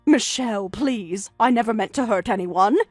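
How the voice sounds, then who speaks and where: A woman's voice: fairly high pitch, normal speed, soft background music, voice pushed down, natural voice. A woman voicing a defensive older mother-in-law who pleads and makes excuses, in a synthetic text-to-speech read. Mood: pleading.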